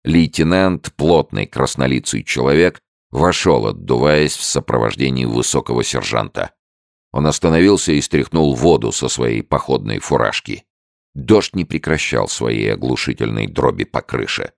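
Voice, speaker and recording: A man reading a novel aloud as an audiobook narrator, with expressive delivery. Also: a bass voice, moderate pace, creaky, no echo, clean studio sound. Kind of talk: scripted narration.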